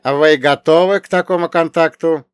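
A man voicing a female crystal AI translator, speaking in an even, almost metallic, formal way. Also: on the high side, clear, resonant tone, no echo, pitched above the performer's own voice, lightly acted. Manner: formal, measured announcements.

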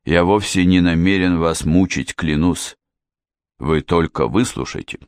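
A man's voice: sits low, measured pace, no echo, studio quality. A male narrator voicing a cautious, apologetic police inspector. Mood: pleading. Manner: apologetic and careful. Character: polite, cautious police inspector, eager to please.

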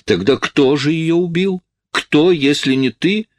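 Guy doing a scared pleading young woman, voice pushed up high, dry close sound. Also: unhurried, a little mellow, no room sound, lightly acted. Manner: pleading, tearful. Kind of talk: audiobook reading.

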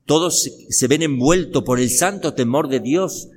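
A man's voice: medium pitch, moderate pace, husky. An older man from Argentina, a priest delivering a homily, building emphasis with rhetorical questions.

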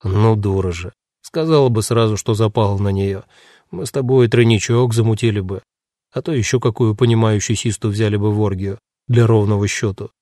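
A man's voice: lowish voice, fairly quick, dark tone, no room sound, clean studio sound, lightly acted. A man voicing a crude, swaggering male prisoner who mocks everyone in coarse slang. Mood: mocking.

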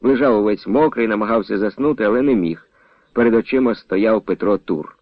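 A man narrating a novel in an expressive storytelling manner. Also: lowish voice, fairly quick, no echo, lo-fi sound.

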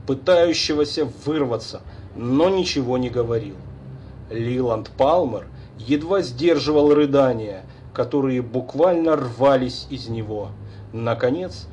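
A man narrating an audiobook in a measured, unhurried reading. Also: medium pitch, a little mellow, slight background noise. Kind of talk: scripted narration.

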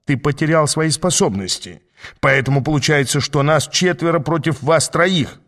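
A smooth-talking male demon, glib and haughty, always a step ahead of everyone, as a man reads him aloud. He speaks a touch higher and brighter than the narrator's plain voice, persuasive and sure of himself. An audiobook character reading. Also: moderate pace, close to an everyday voice. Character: cocky scheming male demon, smooth talker.

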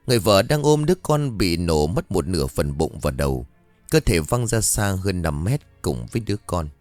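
A man's voice: low-pitched, big pitch swings, moderate pace, a little mellow, no room sound, soft background music. A man narrating a horror story in a dramatic storytelling manner, recorded close to the mic.

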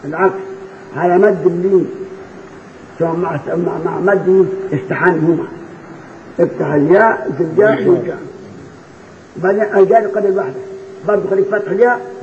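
A man with an Egyptian Arabic accent, teaching Quran recitation rules to students, drilling them with questions and chanting verses slowly between quick explanations. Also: high-pitched, reverberant. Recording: tinny phone-like recording with noise.

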